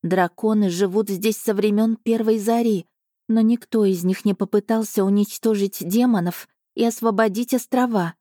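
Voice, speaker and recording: An ancient female spirit of an island pleads in a slow, solemn audiobook voice, put on by a woman narrator. The tone is mellow and dark, recorded close and dry. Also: mid-range voice, fairly even intonation, no room sound, natural voice. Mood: solemn earnest. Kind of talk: audiobook reading.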